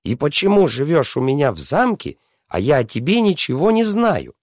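A man's voice: on the high side, huge pitch swings, normal speed, no room sound, clean studio sound, voice pushed up. A man doing a hot-tempered princess. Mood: indignant. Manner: indignant, shouting. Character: proud, quick-tempered young princess.

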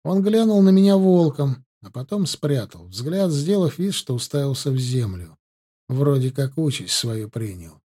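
A man narrates an audiobook in the first person at a measured, steady pace. His voice is dark and mellow, with a husky edge. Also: medium pitch.

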